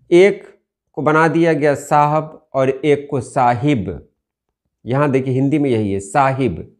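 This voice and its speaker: Slow, deliberate teacher, a man. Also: on the high side, a little mellow. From India. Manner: slow, deliberate, repeats key words. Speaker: Urdu language teacher. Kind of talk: explaining word meanings from dictionaries.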